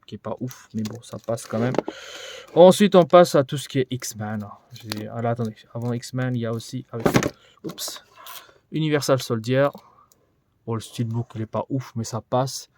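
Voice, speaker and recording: A man gives a relaxed tour of his collection for a vlog. He rambles and thinks out loud, with frequent fillers as he moves from shelf to shelf. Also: medium pitch, normal speed, a little hiss or hum. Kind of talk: casual room tour vlog. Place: indoors in a collection room.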